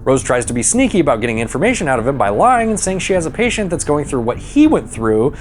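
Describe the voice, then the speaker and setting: A man's voice: fairly high pitch, very animated, fast, slight background noise. A man hosting a movie recap, delivering irreverent, sweary scripted comic narration with a sarcastic manner. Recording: music behind the voice. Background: background music.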